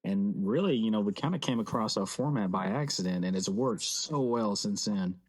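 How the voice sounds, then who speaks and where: A man co-hosting a music podcast, chatting casually, laughing often and rambling excitedly. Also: on the low side, moderate pace. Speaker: podcast co-host. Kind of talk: casual chat.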